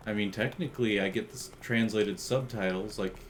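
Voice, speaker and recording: A man casually commenting while playing a video game, thinking aloud in a relaxed way. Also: fairly low pitch, fairly quick, slight background noise. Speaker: game streamer.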